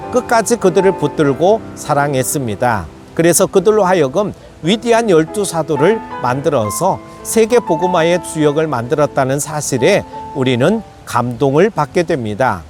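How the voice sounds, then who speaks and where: A male pastor giving an earnest daily devotional sermon and closing prayer, gently urging his listeners on. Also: on the high side.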